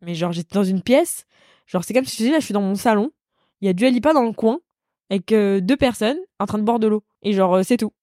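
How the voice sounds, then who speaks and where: A young woman from Paris tells a story to her podcast co-host at a rapid clip, packing in fillers and playing out quotes from the scene. Her tone is on the darker, mellow side, recorded close and dry. It sounds like a relaxed chat between friends. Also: medium pitch, no room sound. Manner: rapid, filler-heavy, lively retelling with acted-out quotes.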